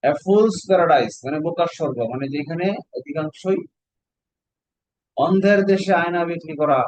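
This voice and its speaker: A man's voice: a little high, normal speed, darkish tone, no echo, low-quality recording. A Bangladeshi man teaching an online exam-prep class, explaining step by step and quizzing his students with questions.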